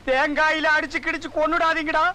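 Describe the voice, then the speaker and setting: A man's voice: very high-pitched, level tone, brisk, background noise. An actor playing a blustering, scolding male village sorcerer in a film comedy. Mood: ranting. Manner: shouting, scolding, insulting. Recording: old film soundtrack.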